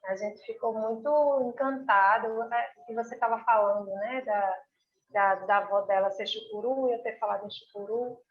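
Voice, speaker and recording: A woman's voice: a little high, normal speed. A woman from Pernambuco, Brazil, a guest artist telling an emotional story in a live-stream chat, with frequent tag questions. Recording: dull lo-fi stream audio.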